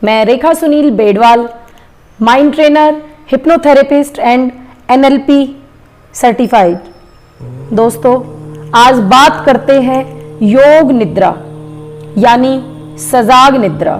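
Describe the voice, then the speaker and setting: A woman mind trainer and hypnotherapist leading a guided sleep meditation, speaking in slow, soothing, short calm phrases. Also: sits high, faint music behind, rough recording.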